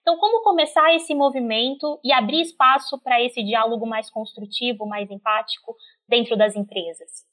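A woman's voice: a little high, normal speed, fairly bright tone. A woman moderating a panel, linking the last answer to a long question for the next speaker. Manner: bridging, poses long questions.

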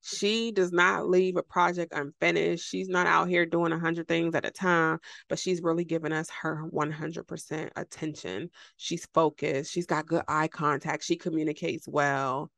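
Gravelly, emphatic woman podcast host. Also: deep voice, level tone, moderate pace, hardly any pauses, fairly bright tone, no echo. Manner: emphatic, preachy, repeats phrases for effect; laughs often, talks straight to listeners. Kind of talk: motivational podcast monologue.

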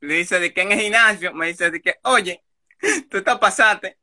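A man telling a story fast in a casual chat, acting out the quoted lines. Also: sits high, sharp tone.

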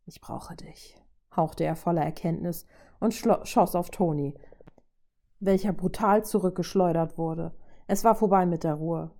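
A woman reading a fan-fiction story aloud in steady narration. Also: lowish voice, moderate pace. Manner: steady narration with voiced dialogue. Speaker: reader.

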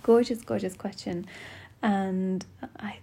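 A woman hosting a solo podcast in a soft, gentle voice, speaking tenderly and intimately without hurry. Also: medium pitch, steady tone, slow, vocal fry, husky. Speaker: podcast host. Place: small closed bedroom at home. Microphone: podcast microphone.

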